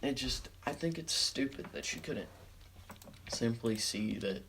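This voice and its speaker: A man's voice: mid-range voice, lively intonation, a little slow, creaky, fairly bright tone, a little hiss or hum. A teenage boy telling a story in a casual storytime narration, rambling with heavy swearing and many fillers. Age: teens.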